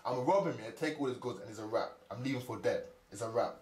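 An actor playing an angry young street hustler, heated and swearing on the phone. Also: male voice, mid-range voice, quick pace, a little mellow, roomy sound, a little hiss or hum, close to an everyday voice. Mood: scheming. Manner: heated, swearing, slang-heavy.

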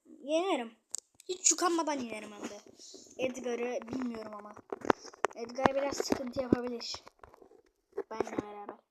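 A young woman casually commenting on her gameplay, muttering to herself and then shouting at opponents. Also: on the high side, moderate pace, pauses often, a little hiss or hum. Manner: chatty, swings between muttering and loud outbursts at opponents. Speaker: gamer streamer.

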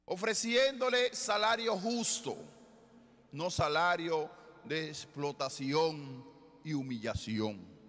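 A middle-aged man, a bishop from the Dominican Republic, preaching a sermon at the ambo with slow, deliberate phrasing and rhetorical questions. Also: high-pitched, fairly bright tone. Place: large basilica with congregation. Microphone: ambo microphone, far camera. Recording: long church reverb.

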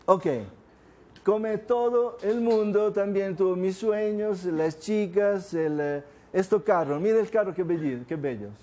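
Older man, from southern Italy, native Italian speaker, warm mellow tone, slightly high pitch, chatty seminar talk, asks the audience questions. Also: unhurried. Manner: conversational, asks the room questions often. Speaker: course speaker. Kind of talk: informal seminar talk to a class.

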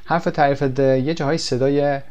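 Man teaching, examples read slowly. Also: mid-range voice, fairly even intonation, darkish tone, dull audio. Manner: explains in quick bursts, reads examples slowly and carefully. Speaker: English teacher. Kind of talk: recorded language lesson.

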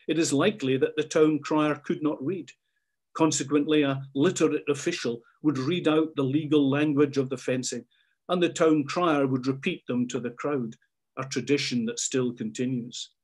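A man's voice: mid-range voice, a little mellow. A man reading a scripted documentary narration.

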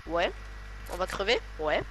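Laid-back teasing gamer on a noisy mic. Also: male voice, high-pitched, huge pitch swings, measured pace, sharp tone. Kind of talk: casual gaming chat.

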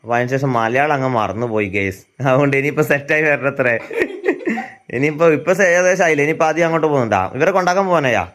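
A man's voice: medium pitch, fast talker, a bit bright. A man, chatting casually to viewers at home as a family vlogger and asking teasing questions. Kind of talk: casual vlog chat. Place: at home indoors.

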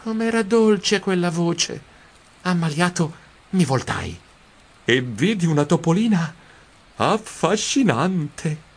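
A nervous, romantic mouse, read by a man tells his own story in an audio storybook. His voice sits somewhat high and jumps around wildly in pitch. Exclamations shoot up suddenly and then fall back. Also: slow pace, husky, exaggerated voice. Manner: expressive, swooping exclamations. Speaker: narrator. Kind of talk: audiobook narration.

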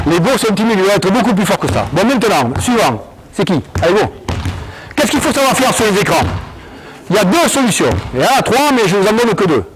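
A man coaching a basketball drill in an indoor gym, calling out commands and explaining moves in an animated, commanding way. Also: high voice, a little fast, slight background noise, rough recording. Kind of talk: on-court coaching demonstration.

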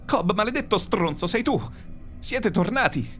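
A man voicing a terrified spaceship crewman who yells shrilly in a hoarse voice. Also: lively intonation, normal speed, soft background music. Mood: accusing. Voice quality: hoarse from coughing. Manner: shrill, yelling in panic.

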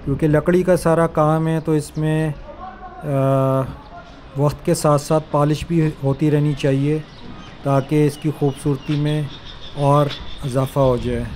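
A man, narrating a travel vlog with measured, admiring commentary. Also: a little high, level tone, a little mellow, slight background noise. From Pakistan. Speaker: travel vlogger.

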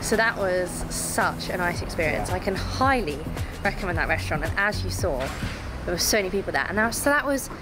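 A woman's voice: lowish voice, lively intonation, a little fast, reverberant, loud music behind the voice, poor audio. A young British woman from the UK, chatting enthusiastically through a travel vlog with lots of "like" fillers. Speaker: travel vlogger. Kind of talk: casual travel vlog chat.

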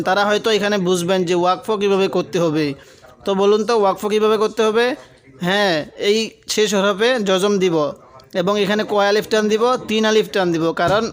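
High-voiced man teaching Quran reading. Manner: spells each letter slowly, then recites drawn-out syllables; explains rules patiently, asks the viewer questions. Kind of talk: spelled-out recitation lesson.

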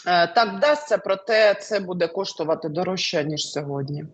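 Woman tarot reader, husky tone, halting delivery with fillers, answering an interviewer. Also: on the low side, dull audio. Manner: hesitant, many fillers, lively rises. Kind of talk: interview answers, fortune-telling.

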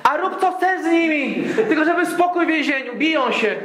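A man voicing an exasperated male prison guard who talks loudly and in disbelief. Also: extremely high pitch, animated, normal speed, voice pushed up. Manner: loud, incredulous, exasperated. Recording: echoey hall with faint ambience.

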